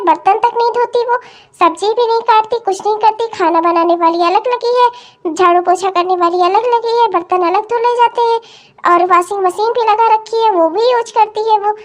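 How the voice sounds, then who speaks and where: A woman voicing a middle-aged cartoon mother-in-law who muses slowly and smugly. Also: very high voice. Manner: slow, self-satisfied musing.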